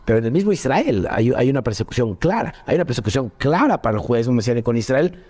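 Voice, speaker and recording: A man's voice: medium pitch, very animated, quick pace, a little mellow. A man, a pastor, speaking conversationally, asking questions and restarting his sentences. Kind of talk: conversational interview.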